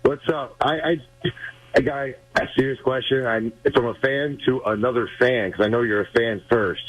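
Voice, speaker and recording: A man's voice: medium pitch, steady tone, moderate pace. A man calling in to a radio show, eager and friendly as he asks the guest a question. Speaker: caller. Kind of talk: call-in radio. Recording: muffled phone line.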